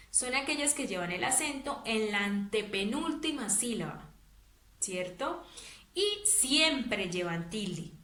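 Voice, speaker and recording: A woman teacher with a slightly high voice walks young pupils through a grammar lesson. She explains patiently and keeps checking in with quick tag questions. The room adds a clear echo around her voice. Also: a bit bright. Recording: echoey room.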